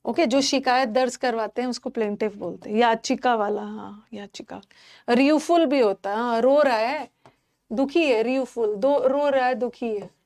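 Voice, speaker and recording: A middle-aged woman runs an online English vocabulary class, her voice pitched a little high. She talks in an animated way, mixing Hindi and English and repeating each word so her students catch it. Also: normal speed. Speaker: English teacher.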